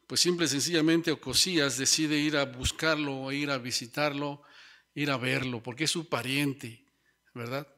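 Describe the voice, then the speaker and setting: With a bright, forceful mid-range voice, this preacher delivers a Bible sermon, calling his audience brothers. He repeatedly closes his statements with rhetorical questions.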